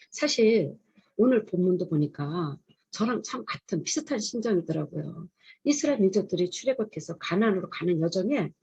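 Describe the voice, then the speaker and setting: A woman's voice: lowish voice, warm tone, husky, muffled recording. A middle-aged woman, a pastor's wife, giving an earnest, confessional testimony at a chapel service. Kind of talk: testimony sermon.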